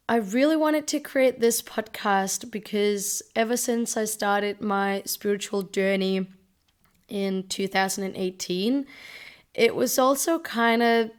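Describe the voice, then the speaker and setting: A woman in her twenties from Denmark, hosting a podcast and talking in a gentle, reflective way. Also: medium pitch, smooth. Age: 20s. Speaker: podcast host. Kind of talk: casual solo podcast talk.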